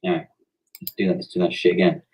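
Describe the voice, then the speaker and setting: A man's voice: low voice, sing-song, racing, a little mellow, slight background noise, low-quality recording. A young man at a casual line-reading session for a fan dub, joking, swearing and fumbling his lines. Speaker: fan voice actor.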